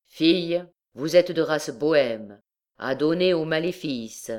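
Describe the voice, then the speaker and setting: A woman's voice: low voice, animated, takes it slowly, a little mellow. A woman reading aloud voices a stern presiding judge who questions the accused coldly and solemnly. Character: stern, cold old male judge presiding.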